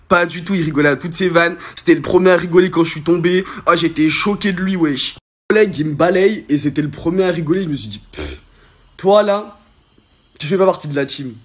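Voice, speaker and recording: A young man with a somewhat high voice tells a story to his followers. He talks in loose street slang and switches between loud indignant bursts and low grumbling asides. The delivery is animated and casual. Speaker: influencer.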